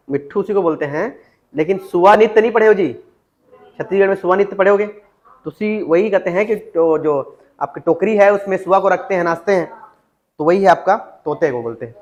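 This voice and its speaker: A man teaches Chhattisgarhi vocabulary to a class, dictating words, saying them again, and questioning students. His voice sits high, and the sound quality is lo-fi.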